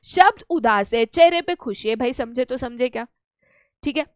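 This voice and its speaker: A young Indian woman teaching an online lesson, lively and playful, acting out little scenes to make her points. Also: a little high, moderate pace, clean tone, dry recording, clean studio sound. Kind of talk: online lecture in Hindi mixed with English.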